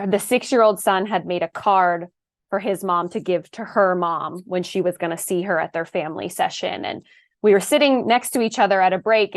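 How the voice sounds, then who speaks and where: A woman's voice: on the low side, dry recording, clean studio sound. A woman in her thirties, a panel guest, talking earnestly and telling a personal story in a casual discussion. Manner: earnest, storytelling, quick asides.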